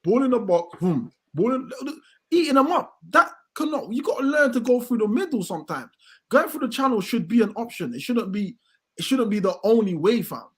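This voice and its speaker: A man, a football fan ranting in heated casual chat, swearing often and building to loud outbursts. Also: sits high, big pitch swings, a little fast, husky. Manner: swears a lot, rants with rising outbursts.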